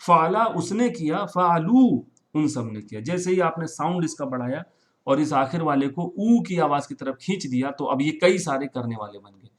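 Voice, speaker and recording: A man's voice: fairly high pitch, expressive. A man teaching Arabic verbs in Urdu, mixing in English words, repeating forms and often checking with "right?". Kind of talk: classroom-style recorded lesson.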